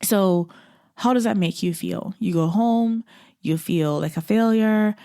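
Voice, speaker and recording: A woman's voice: medium pitch, measured pace, gravelly, dark tone, clear, resonant tone, no room sound, clean studio sound. A woman from Barbados hosting a solo podcast, reflective, repeating her phrases and dropping to a whisper for emphasis. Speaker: podcast host.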